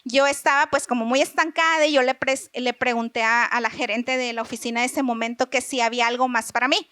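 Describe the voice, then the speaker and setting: A woman's voice: fairly high pitch, fairly even intonation, fairly quick, sharp tone, dry recording. A middle-aged woman with a Mexican accent giving an earnest, conversational church talk, often tagging her sentences with a questioning "¿no?". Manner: often tags lines with a questioning "¿no?"; earnest, asks listeners rhetorical questions. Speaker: lay preacher.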